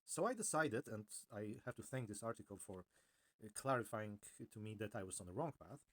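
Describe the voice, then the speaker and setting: A man presenting an informal technical explainer in a hesitant, halting way, often correcting himself. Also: mid-range voice. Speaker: video presenter.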